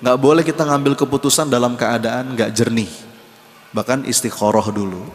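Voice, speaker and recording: A male preacher giving an animated sermon, stressing key words and addressing his listeners directly. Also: mid-range voice, normal speed, in a large hall.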